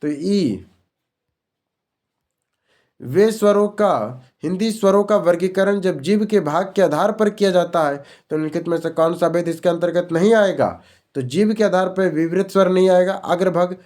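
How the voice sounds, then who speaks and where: A man's voice: high-pitched, darkish tone. A male teacher running an exam-prep grammar lesson, repeating each question and answer as a drill.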